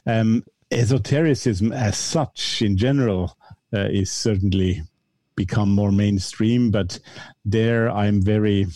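A mature man answering interview questions in a measured, carefully qualified, conversational way. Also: lowish voice, steady tone, dark tone, no room sound. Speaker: podcast guest, esotericism podcaster.

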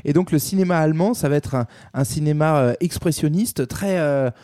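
A man's voice: fairly high pitch, brisk, dark tone, no echo, studio quality. A man chatting casually about film history in slangy speech, with a lot of hesitations and restarts. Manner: colloquial, hesitant, many restarts. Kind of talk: casual podcast chat.

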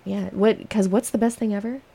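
A woman's voice: medium pitch, fairly even intonation, fairly quick, vocal fry, mellow, breathy edge. A woman hosting a jazz radio show, chatting casually and playfully with her guest at a studio microphone. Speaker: radio host.

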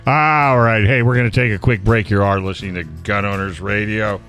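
A man's voice: on the low side, fairly even intonation, fairly quick, a bit bright, faint music behind. A man hosting a talk radio show, moving between banter and announcements.

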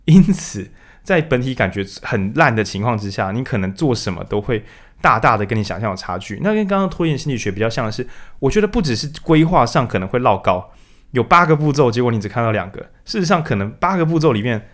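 Fast-talking man, podcast host. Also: medium pitch. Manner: animated, acts out quotes in raised voices. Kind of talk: casual book discussion.

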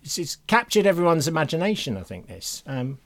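A man's voice: fairly high pitch, very animated, fairly quick, gravelly. A man with a British accent chatting casually and jokily as a podcast co-host, often ready with a chuckle. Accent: British English.

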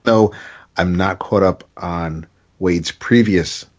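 A man co-hosting a casual comics podcast over a remote call, speaking haltingly and repeating words as he searches for them, while his audio glitches and breaks up. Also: low-pitched, a little mellow, lo-fi sound. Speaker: podcast co-host. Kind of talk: casual chat reviewing comics. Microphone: remote video call.

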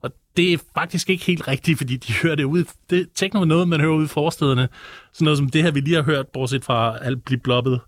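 A man's voice: fairly high pitch, no room sound. A man on a music panel telling stories casually, in a rambling way padded with repeated filler phrases. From born in Detroit. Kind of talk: casual storytelling chat.

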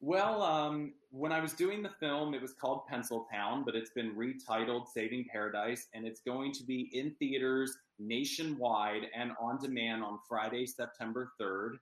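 A mid-range male voice talks at normal speed with hardly any pauses, on a low-quality recording in an echoey room. He's a Pennsylvania actor and guest in a casual interview, earnest and chatty, with lots of ums.

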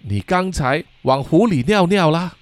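A man's voice: a little high, animated, a little slow, dry recording. A male storyteller voicing a stern village boy who scolds coldly and sighs in exasperation. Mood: cold scolding. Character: stern, cold dark-skinned local boy.

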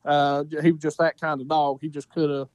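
A man's voice: a little high, flat delivery, a little fast, a little mellow, no room sound. A man with an Appalachian accent talking casually as an interview guest, telling hunting stories in a folksy way and repeating phrases for emphasis. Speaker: podcast guest, coon hunter.

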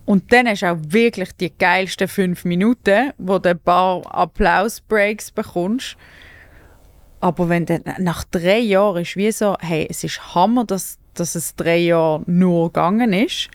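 A woman with a Swiss German accent chats on her comedy podcast, lively and quick to laugh. Her voice sits on the low side for a woman. The sound is close and dry, with no room around it. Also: dry recording. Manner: chatty, animated, laughs often, loses her thread. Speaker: podcast host, stand-up comedian. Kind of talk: casual podcast chat.

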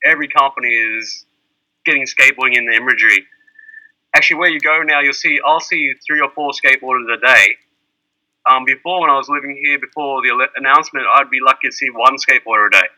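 A man's voice: medium pitch, fast, pushed and bright, low-quality recording. An Australian man chatting casually, rambling through lists with plenty of fillers. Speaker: skateboarding teacher in Japan. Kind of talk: casual chat.

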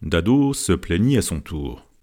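A man's voice: low-pitched, sing-song, measured pace, dark tone. A man narrating a novel chapter as an audiobook, reading expressively. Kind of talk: scripted narration.

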